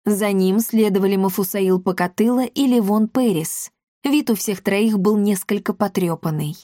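A woman's voice: mid-range voice, moderate pace, dark tone, no echo. Woman narrating, dry close recording. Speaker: audiobook narrator. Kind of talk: scripted narration.

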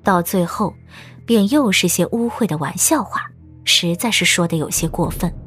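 A woman's voice: on the low side, moderate pace, fairly bright tone. A woman narrator reading a scripted story for an audiobook. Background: background music.

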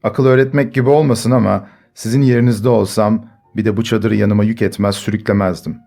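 A man's voice: lowish voice, steady tone, a little fast, gravelly, warm tone, faint music behind. A man voicing a wry, grinning man from a nearby camp who gives advice. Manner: wry, advising. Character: grinning male camp onlooker.

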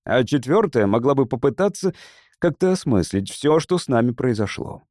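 Narrator as a patient English politician, persuasive speech, lively pitch. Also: male voice, normal speed, dry recording, studio quality, close to an everyday voice.

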